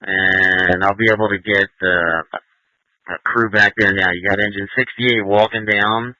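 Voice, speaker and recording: A man's voice: lowish voice, fairly even intonation, measured pace, sharp tone, dry recording. A man serving as fire incident commander, giving instructions and confirming reports over a two-way radio. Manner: directive, checks and repeats information back. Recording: muffled fire radio audio.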